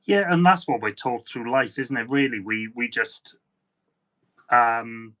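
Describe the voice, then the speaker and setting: A man hosting a spiritual conversation over a video call, warmly affirming his guest. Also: mid-range voice, animated, a little slow. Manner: warmly affirming, often agrees. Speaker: host.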